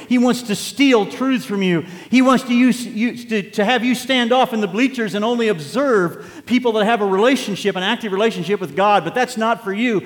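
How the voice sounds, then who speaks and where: Pastor nearly sixty preaching, kinda high voice, long church echo, chatty then really punching it. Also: male voice. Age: 50s. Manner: conversational, building to emphatic exhortation. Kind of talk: sermon. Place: church sanctuary.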